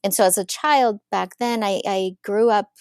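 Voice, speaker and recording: A woman from Ukraine in her thirties, a psychologist telling her story as a podcast guest in an eager, lively way. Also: mid-range voice, normal speed, no room sound, studio quality. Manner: warm, eager storytelling with frequent laughs. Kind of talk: casual interview.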